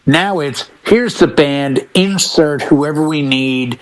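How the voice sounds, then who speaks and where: Talking slowly in a slightly high voice, this middle-aged talk show panelist discusses music in a relaxed but forceful way. He tells anecdotes and states his opinions firmly.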